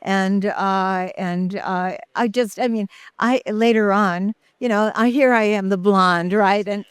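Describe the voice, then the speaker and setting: Older woman guest, halting and reminiscent, clean close-miked sound. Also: medium pitch, fairly even intonation, clean tone, no room sound. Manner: halting, many fillers and restarts. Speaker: interview guest, actress. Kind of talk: casual interview reminiscing.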